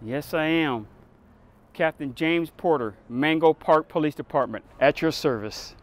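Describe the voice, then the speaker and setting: A middle-aged police captain played by a male actor in a screen drama. His voice sits a little high for a man, and he speaks with dry, measured authority. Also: natural voice. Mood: calm authority. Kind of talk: acted drama dialogue. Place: outdoor parking lot.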